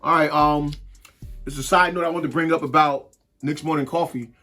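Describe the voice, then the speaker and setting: A man's voice: a little high, steady tone, brisk, sharp tone, faint music behind. A man co-hosting a casual sports podcast, talking loosely with frequent restarts and slang. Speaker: podcast co-host.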